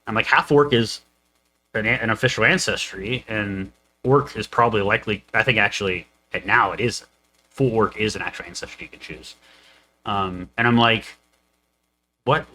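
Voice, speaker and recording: A man's voice: fairly low pitch, moderate pace, bright, forceful tone, slight background noise, poor audio. A young man co-hosting a casual podcast chat, rambling with lots of fillers and restarts. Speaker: co-host, game master.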